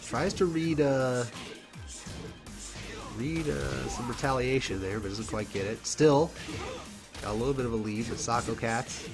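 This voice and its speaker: A man's voice: mid-range voice, unhurried, creaky, long pauses. A man doing casual solo play-by-play for a fighting game tournament, stuffed up from a cold, chatty and full of fillers and little laughs. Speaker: esports commentator. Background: game music.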